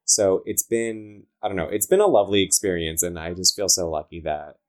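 A man with a low voice speaks in a Southern Californian accent. He chats casually as an interview guest, with valley girl phrasing that leans heavily on "like". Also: fairly quick, darkish tone. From Southern California, United States. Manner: valley girl talk, peppered with "like". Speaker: interviewed comic book writer.

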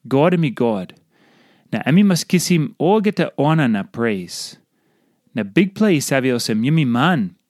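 A man's voice: mid-range voice, darkish tone, dry recording. Papua New Guinean man, dry close sound. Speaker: devotional reader. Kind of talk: scripted devotional reading in Tok Pisin.

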